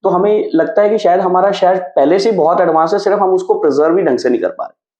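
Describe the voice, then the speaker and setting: A man hosting an interview who listens attentively and asks measured questions. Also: sits high, warm tone. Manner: attentive, frequent short acknowledgements. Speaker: host. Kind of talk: interview conversation. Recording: roomy, dull lo-fi sound.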